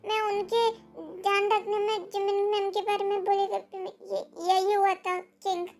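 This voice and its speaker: A woman's voice: very high-pitched, monotone, normal speed, darkish tone. A woman voicing a flustered young maid who hesitates and stammers, with faint music behind. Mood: frightened.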